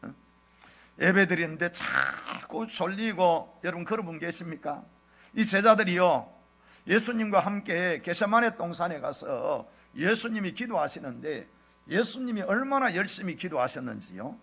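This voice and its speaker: High, lively Gyeongsang-accented male pastor. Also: normal speed, creaky. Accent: Gyeongsang Korean. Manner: emphatic, repeated rhetorical questions to the congregation. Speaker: senior pastor. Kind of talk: sermon.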